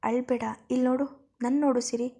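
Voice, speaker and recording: A woman's voice: high voice, level tone, normal speed, warm tone, breathy edge. A woman doing an anxious young husband. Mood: soothing. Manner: soothing, urgent. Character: anxious young husband soothing his wife.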